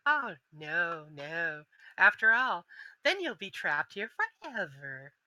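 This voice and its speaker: A woman voicing a sly, condescending orc mage who serves a dark master in a tabletop game. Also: fairly low pitch, big pitch swings, slow pace, dry recording, dull audio, heavily acted. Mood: taunting.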